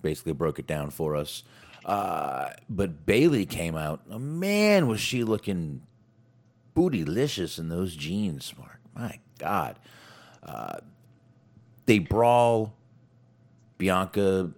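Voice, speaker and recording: A man's voice: low-pitched, a little mellow. A man co-hosting a wrestling podcast in casual chat, blunt and profane, rambling with frequent restarts.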